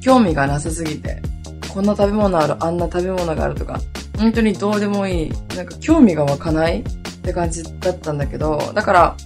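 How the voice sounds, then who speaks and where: A woman around thirty hosting her own podcast, hoarse today and chatting in a lively, rambling way with many asides. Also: lowish voice, fast, music in the background. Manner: chatty, animated storytelling with lots of asides. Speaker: podcast host. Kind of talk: casual solo podcast chat.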